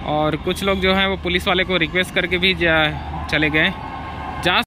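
A young man talks straight to his viewers while filming himself outdoors on a phone held at arm's length. His voice sits a little high, and he keeps up a casual, chatty flow. Loud traffic and outdoor noise run behind him the whole time. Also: fairly even intonation, moderate pace. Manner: chatty, addresses viewers directly. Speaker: vlogger. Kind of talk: casual vlog narration. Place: outdoors by a busy road and stadium. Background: traffic and crowd outside.

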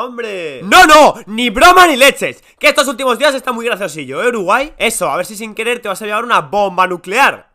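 Bright-voiced guy doing a comedy skit, loads of voices, yells a lot. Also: very high voice. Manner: switches voices, shouts a lot. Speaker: comedy video creator. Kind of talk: comic sketch with many voices.

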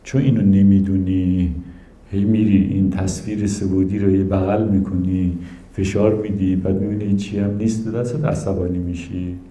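A man's voice: deep voice, flat delivery, mellow, roomy sound. A man giving a spiritual talk as teacher and counselor, telling stories animatedly and acting out the people he quotes.

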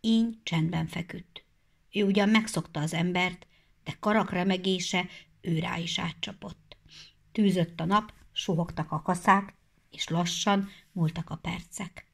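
A woman reads a children's story aloud in a measured, expressive way. Her voice sits on the low side for a woman. The delivery is careful storybook narration. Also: creaky. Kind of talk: storybook reading.

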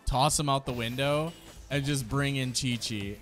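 This thirtysomething video host sits at a streaming setup in a small room, giving casual, slang-filled, excited reactions to game trailers while their music plays. He speaks at a measured pace in a medium-pitched voice with a slightly bright quality.

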